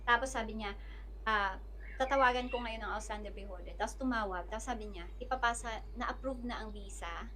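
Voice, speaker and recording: On a podcast, a guest from the Philippines recounts a personal story fairly quickly in a voice on the high side, over slight hiss or hum. Her casual telling is animated, with lively impressions of what others said.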